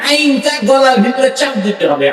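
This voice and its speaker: A man preaching at a clerics' conference, his high voice leaping about as he piles up lists and rises to loud declarations. He is heard from some distance, through heavy echo and a long hall reverb. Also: very animated, normal speed. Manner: emphatic, building lists, rising to loud declarations. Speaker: Islamic scholar speaking at a clerics' conference. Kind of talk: Bengali religious speech to a crowd. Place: large hall or outdoor stage with PA.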